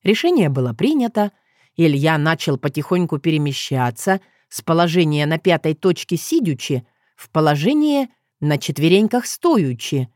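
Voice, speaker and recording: Lively woman reading an audiobook aloud. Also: low-pitched, moderate pace, no echo, studio quality. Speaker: audiobook reader. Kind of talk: expressive audiobook narration.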